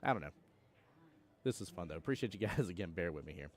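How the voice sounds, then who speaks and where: A man's voice: deep voice, expressive, fast, slight background noise. A young man from Georgia with a Southern accent, commentating a pool tournament on a live stream and chatting with viewers in a joking, laid-back way. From Georgia, USA. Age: young adult.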